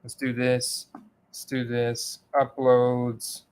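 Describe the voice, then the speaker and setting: Slow, smooth, and a little mellow, this man's medium-pitched voice is completely flat in delivery. He hosts a livestream, casually chatting with viewers and addressing them informally as "guys."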